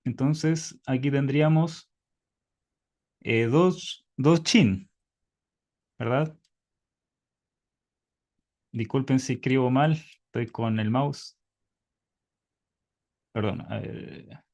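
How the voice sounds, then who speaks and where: A man's voice: medium pitch, extremely slow, long pauses, a little mellow. A man teaching Hebrew in an online class by video call, patiently quizzing his students.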